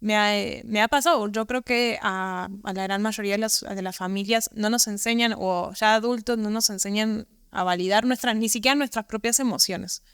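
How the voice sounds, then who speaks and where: A woman's voice: medium pitch, fairly even intonation, normal speed, few pauses, fairly bright tone, clean tone, no echo, studio quality. A woman hosting a podcast, reflecting thoughtfully and often restarting her phrases. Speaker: podcast host. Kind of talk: conversational interview.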